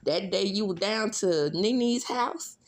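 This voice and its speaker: A woman's voice: medium pitch, slow. A woman with a Southern Mississippi accent chatting casually as a gossip commentator, sassy and blunt, with conversational asides. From Mississippi, United States. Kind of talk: casual celebrity gossip chat, solo commentary.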